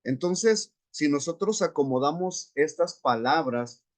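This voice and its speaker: A man teaching a Bible class, explaining scripture and Greek words step by step in an unhurried lecturing manner. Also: fairly high pitch, lively intonation. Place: church classroom.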